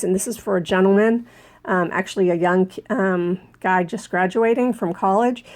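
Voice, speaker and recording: Woman, craft tutorial host, slight gravel and fry, has a cold and sounds a bit breathless, casual and full of ums while working. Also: medium pitch. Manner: chatty, many ums, talks while working the machine. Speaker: embroidery channel host.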